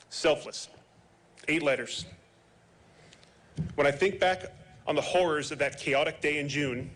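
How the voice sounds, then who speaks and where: A man's voice: a little high, a bit bright. A man, a sheriff's sergeant, giving a heartfelt memorial eulogy with moments of humor. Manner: heartfelt, joking at times.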